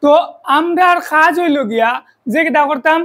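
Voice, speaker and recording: A woman's voice: high voice, normal speed, a bit bright, rough recording. A woman with a Sylheti accent teaching a math lesson for an online video, explaining step by step and often checking in with rhetorical questions.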